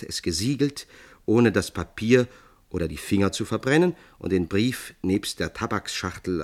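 Guy reading an old fairy tale, really low voice, calm measured storytelling. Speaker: audiobook narrator. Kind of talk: scripted narration.

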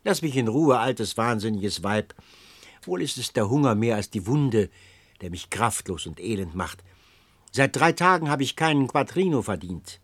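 A man's voice: mid-range voice, lively intonation, normal speed, husky, no room sound. A man voicing a poor, hot-tempered young laborer in an audiobook. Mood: weary. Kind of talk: audiobook character voice.

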